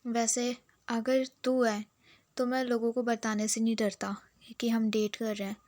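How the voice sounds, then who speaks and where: A woman voicing an earnest young man, pleading and excitable, in a recapped romance series. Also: on the high side, a little slow, no room sound, clean studio sound, close to an everyday voice.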